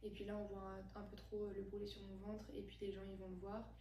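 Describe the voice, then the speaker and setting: A young woman in her twenties talks as a podcast guest, thoughtful and hesitant, pausing on fillers. Her voice stays flat and mellow. She is some distance from the mic in an echoey room with a faint hum behind her. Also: mid-range voice. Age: 20s. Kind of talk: casual conversation.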